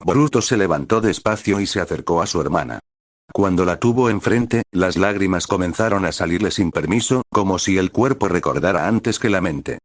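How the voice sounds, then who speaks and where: Deep-voiced male narrator, dry. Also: moderate pace, no room sound. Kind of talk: dramatized fan fiction reading.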